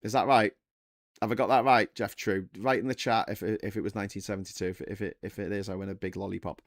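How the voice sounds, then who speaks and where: A man's voice: lowish voice, fairly even intonation, quick pace, dry recording. A man in his forties hosting a casual live stream, rambling through trivia, correcting himself often and talking to his chat. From England. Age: 40s. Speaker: livestream host.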